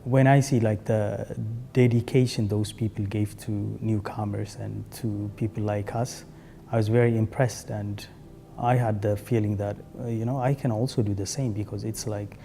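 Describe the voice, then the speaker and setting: A young man, telling his story as a resettled refugee in a documentary interview, speaking haltingly with frequent fillers. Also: on the low side, steady tone, gravelly, dark tone, slight background noise. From Eritrea, born in Ethiopia.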